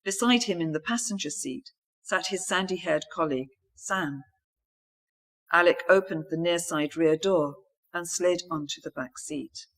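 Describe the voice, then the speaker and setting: A woman author reading a mystery novel aloud in a steady, even storytelling manner. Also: lowish voice, a little slow.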